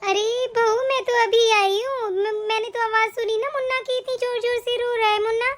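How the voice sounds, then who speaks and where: A woman voicing an older aunt in an animated family story, giving reassuring orders and fussing like a mother. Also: extremely high pitch, moderate pace. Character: older aunt, warm but commanding.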